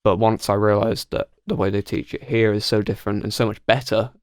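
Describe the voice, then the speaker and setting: Creaky young man with a Hull accent. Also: fairly low pitch, fairly even intonation, brisk, darkish tone, dry recording, clean studio sound. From Hull, England. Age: young adult. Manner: informal, sweary. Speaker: podcast guest, music student. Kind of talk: casual chat.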